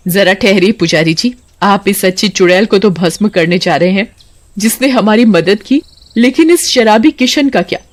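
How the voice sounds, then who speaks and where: A woman's voice: medium pitch, moderate pace, natural voice. A woman voicing a defiant village wife and mother in a cartoon, pleading and indignant.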